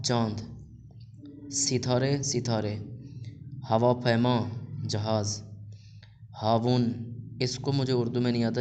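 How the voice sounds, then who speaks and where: A man teaching a language lesson, reading out vocabulary words and explaining them slowly and patiently, often repeating a word several times. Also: mid-range voice. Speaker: Persian teacher.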